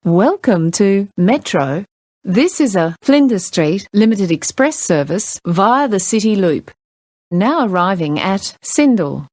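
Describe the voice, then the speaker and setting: Slow Australian woman announcing trains, spliced phrases. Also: medium pitch, big pitch swings, a little mellow, no echo, studio quality. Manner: measured, formal, clearly separated phrases. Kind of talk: pre-recorded public transport announcements.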